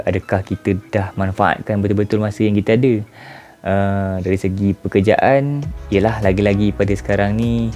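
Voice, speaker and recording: A man's voice: fairly low pitch, warm tone. A man in his twenties with a Malaysian Malay accent, talking casually and reflectively to his viewers and asking them rhetorical questions. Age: 20s. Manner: informal, addresses viewers directly with rhetorical questions. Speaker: vlogger. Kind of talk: casual reflective monologue to camera.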